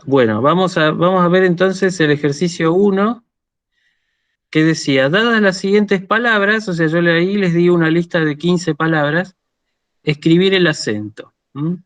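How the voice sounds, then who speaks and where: Patient Argentine lecturer with a dry sound. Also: male voice, high-pitched, normal speed, fairly bright tone, no room sound. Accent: Argentine Spanish. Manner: patient, explanatory, keeps checking understanding. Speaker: university lecturer. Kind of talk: online lecture.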